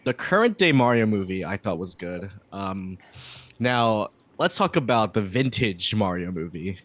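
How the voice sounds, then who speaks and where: Rambling low-voiced man chatting on stream. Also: big pitch swings. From New Jersey, USA. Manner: rambling, halting, with many fillers and restarts. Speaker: streamer host. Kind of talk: casual chat with friends on stream.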